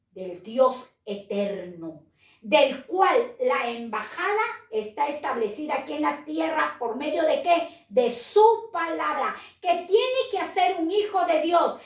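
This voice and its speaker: A woman's voice: high-pitched, roomy sound, recorded from a distance. A Peruvian woman with a Peruvian Spanish accent preaching a sermon, posing questions and answering them herself in an emphatic way. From Peru. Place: in Spain.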